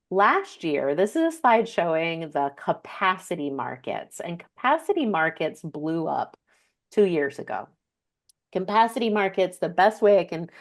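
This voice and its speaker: Woman presenter, low voice, explanatory, prone to ums and restarts. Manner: explanatory, frequent ums and self-corrections. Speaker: speaker presenting slides. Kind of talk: slide presentation on energy costs.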